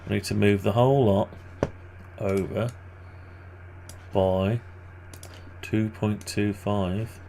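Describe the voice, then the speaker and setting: Slow, gravelly-voiced man thinking aloud. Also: lowish voice, steady tone, a little hiss or hum. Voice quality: very gravelly with vocal fry. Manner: hesitant, thinking out loud. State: groggy morning voice, clearing throat. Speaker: maker narrating a design tutorial. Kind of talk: casual think-aloud screen commentary.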